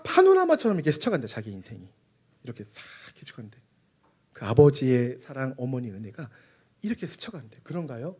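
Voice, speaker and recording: Animated young male preacher. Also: fairly high pitch. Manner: animated, asks the congregation questions and acts out quotes. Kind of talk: lively family-worship sermon. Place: church sanctuary.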